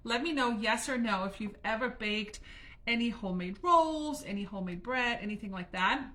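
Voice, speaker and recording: A German woman hosts a home cooking livestream, chatting through a live baking session in her kitchen, laughing often and addressing viewers directly. Her voice is fairly high and fairly bright, at normal speed.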